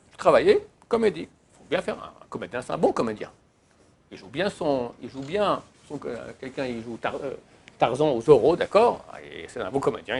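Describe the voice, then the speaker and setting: A man's voice: fairly high pitch, creaky, slightly rough. A rabbi giving an emphatic Torah lesson in answer to a question, repeating his key words.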